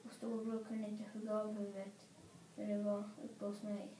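A woman reading a children's story aloud in an expressive, playful way. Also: medium pitch. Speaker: storybook reader. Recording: roomy echo.

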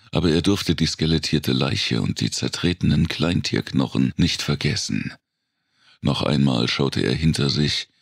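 A man with a rumbling low, gravelly, husky voice narrates a dark thriller audiobook dramatically. He is brooding and deliberate, pausing for effect. The recording is clean studio sound with no room sound.

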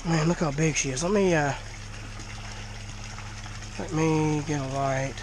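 Talking unhurriedly through congestion, this man has a fairly high voice with fairly even intonation. He's a folksy, chatty fish vlogger recording his tank inside a dim cinder-block shed on a body-worn action camera. Some background noise comes through.

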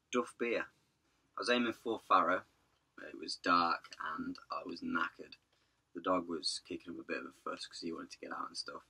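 A hoarse man, telling his vanlife story in a rambling, chatty way. He says he is losing his voice. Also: deep voice, bright, forceful tone. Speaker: vanlife vlogger. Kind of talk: casual vlog narration.

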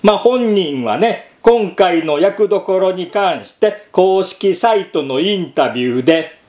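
A man's voice: high-pitched, expressive, measured pace, a little mellow, roomy sound. A man hosting a solo commentary podcast, chatting and reading quotes aloud with frequent filler sounds. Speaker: podcast host.

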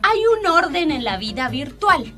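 A woman with an Argentine accent hosting a casual radio talk show, telling stories in an exasperated, animated way. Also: sits high, unhurried, faint music behind. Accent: Rioplatense Spanish. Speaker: radio host.

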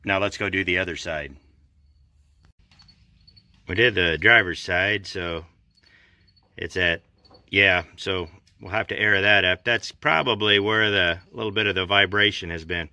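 A man's voice: low voice, a little slow, long pauses, sharp tone, no room sound. Plainspoken man filming his car work. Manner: plainspoken, offhand, lots of fillers. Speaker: vlogger doing car maintenance. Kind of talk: casual how-to vlog. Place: in a car and outdoors in a driveway. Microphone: handheld camera at arm's length.

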